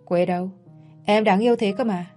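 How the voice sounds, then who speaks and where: A woman's voice: medium pitch, fairly even intonation, fairly quick, darkish tone, soft background music, lightly acted. A woman voicing a pushy, menacing young man in a spoken story, with a coaxing, threatening manner.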